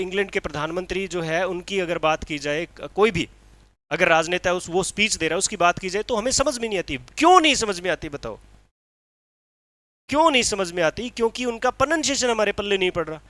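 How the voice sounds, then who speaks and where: A male teacher, giving an exam-prep lecture, asking rhetorical questions and reading English lines out slowly. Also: sits high, sharp tone, no echo.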